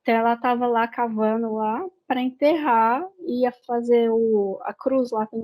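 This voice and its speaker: Chatty Brazilian woman, rather high voice. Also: fairly even intonation, a little slow, lo-fi sound. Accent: Brazilian Portuguese. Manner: rambling retelling full of fillers and restarts. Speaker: book reviewer. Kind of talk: casual book review chat.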